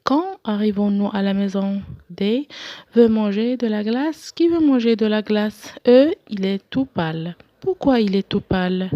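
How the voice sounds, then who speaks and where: Woman teacher walking through grammar exercises, patient and clear, dull dry sound. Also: medium pitch, animated, unhurried, dry recording. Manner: clear, patient, step-by-step explaining. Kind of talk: French grammar lesson, reading exercises aloud.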